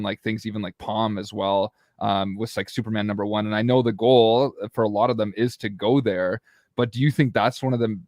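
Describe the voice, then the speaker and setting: A man's voice: on the low side, darkish tone, no echo, studio quality. A young man hosting a casual interview, enthusiastic and full of fillers like "like" and "you know". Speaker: podcast host.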